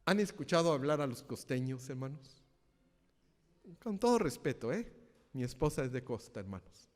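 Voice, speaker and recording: A man's voice: mid-range voice, very animated, moderate pace, a little mellow, in a large hall. A male minister with a Mexico City accent preaching a sermon, often turning to ask the congregation questions. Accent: Mexico City Spanish. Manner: interactive, asks congregation questions.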